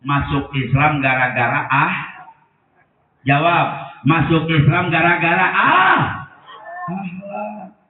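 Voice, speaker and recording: A male preacher, telling a story with jokes and acted voices in a lively sermon. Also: on the high side, recorded from a distance. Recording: echoey phone-like sound from afar.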